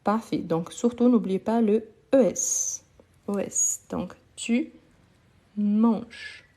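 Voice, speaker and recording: A woman teaches French conjugation live and unhurried, with a mellow, warm tone. She is patient, repeats each word several times and keeps praising the people following along. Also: medium pitch. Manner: slow, patient, repeats words and praises learners. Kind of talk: live online conjugation lesson.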